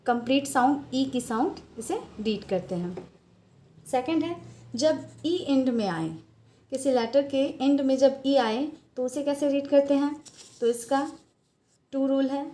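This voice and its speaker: A woman's voice: high voice, darkish tone, slight background noise. A woman with an Indian accent teaching a phonics lesson, patiently explaining and spelling out letters one by one. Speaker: English teacher.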